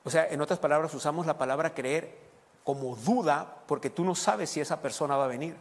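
A man's voice: on the high side, a little fast. A man preaching a sermon as pastor, explaining scripture and putting questions to the congregation. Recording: long reverb of a large hall.

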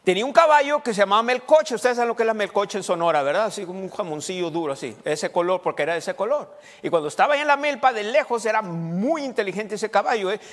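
Speaking quickly and animatedly, a man with a high, fairly bright voice preaches a folksy sermon in a church hall that rings with long reverb. The pastor keeps repeating words and testing the congregation with questions.

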